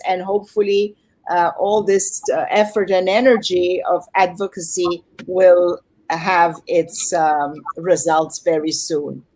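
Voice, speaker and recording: This festival host's voice sits lowish and a little mellow. She talks conversationally while hosting and moderating an online question-and-answer session.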